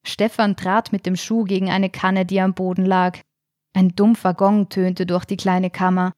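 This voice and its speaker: A woman narrating a short suspense story in a measured, tense storytelling manner. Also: medium pitch, level tone, a little mellow, dry recording, clean studio sound. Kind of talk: scripted audiobook narration.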